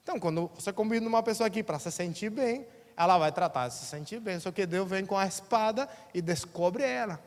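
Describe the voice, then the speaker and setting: A man's voice: sits high, expressive, a little fast. A man with a Brazilian accent preaching a sermon as pastor in a church, colloquial and acting out quotes in different voices. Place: church sanctuary. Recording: long church reverb.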